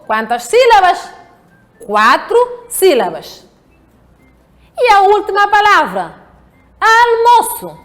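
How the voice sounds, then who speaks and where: A woman teacher with a European Portuguese accent, giving a slow, patient lesson to children and often checking that they follow. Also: extremely high pitch, wildly swooping pitch, a bit bright. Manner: slow, patient, checks understanding with rhetorical questions. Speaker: primary school teacher. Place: home.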